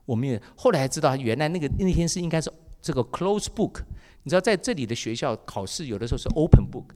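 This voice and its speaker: Male pastor preaching a sermon with lively storytelling; reverberant hall. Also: a little high, fast talker. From Taiwan. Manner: lively storytelling with acted dialogue.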